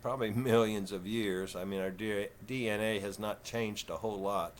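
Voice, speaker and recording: A man in his fifties with a Texan southern twang, talking slow and folksy in a rambling, casual vlog. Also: on the low side, fairly even intonation, slight background noise. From Texas. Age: 50s. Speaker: vlogger.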